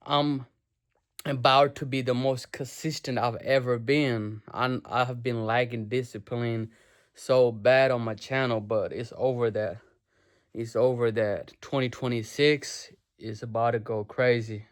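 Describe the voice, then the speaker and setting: A young man from Nepal talks straight to the camera from his bedroom, loose and slangy, swearing freely as he drives home a motivational point. His voice sits at an ordinary middle pitch for a man, and he speaks in easy casual bursts. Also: fairly even intonation, measured pace. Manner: slangy, swears, calls viewers bro. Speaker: vlogger.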